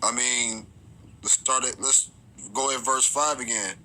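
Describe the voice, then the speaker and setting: A man teaching scripture informally, reading verses aloud slowly and often stumbling and repeating his words. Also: mid-range voice, steady tone, bright, forceful tone, slight background noise, poor audio.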